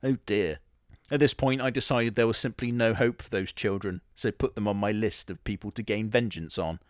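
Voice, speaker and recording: In character as a comedy narrator, a man tells a crude comic story in a sardonic, matter-of-fact tone, swearing casually. His voice is lowish and moderately paced, recorded in a clean studio with no echo.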